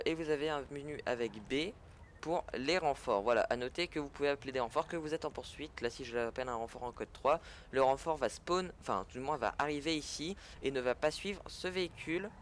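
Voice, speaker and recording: A man's voice: medium pitch, slight background noise. A man giving a casual, chatty gameplay tutorial in French, often correcting himself as he goes. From French-speaking. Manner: chatty, self-correcting, fillers. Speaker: gaming tutorial creator.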